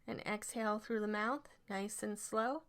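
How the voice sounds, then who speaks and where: A woman with a mid-range voice works as an instructor, leading a scripted guided relaxation exercise in measured, instructional phrases.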